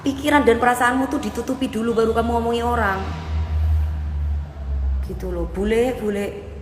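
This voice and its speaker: A woman's voice: a little high, fairly even intonation, moderate pace, roomy sound, big-room sound, faint music behind. A woman, hosting a casual live stream and bluntly scolding viewers as she answers their comments. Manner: blunt, scolding, mixes Javanese into Indonesian.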